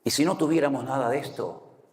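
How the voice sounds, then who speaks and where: A man's voice: mid-range voice, a little fast, a little mellow. A man from Spain with a Canary Islands accent, a pastor giving a conversational sermon full of anecdotes and asking the congregation "right?" often. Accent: Canary Islands Spanish. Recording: long hall reverb.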